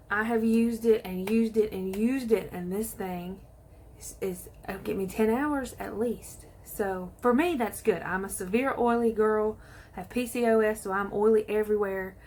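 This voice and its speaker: A woman chatting excitedly to viewers while she does her makeup in a casual tutorial. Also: medium pitch. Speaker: beauty vlogger.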